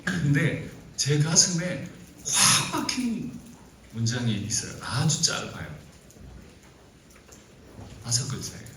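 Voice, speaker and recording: A man's voice: a little high, slow pace, pauses often, slight background noise. A middle-aged man preaching a sermon at a youth retreat, telling stories with feeling and breaking into exasperated outbursts. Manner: animated storytelling, rising to exasperated outbursts. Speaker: pastor. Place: large church hall at a youth retreat. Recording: echoey hall, voice from far off.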